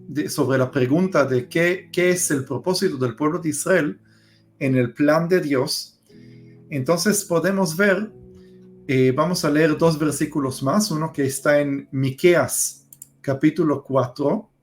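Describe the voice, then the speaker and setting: A man's voice: a little high, takes it slowly, faint music behind. A man explaining Bible passages, hesitating with many fillers as he goes. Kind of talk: religious discussion.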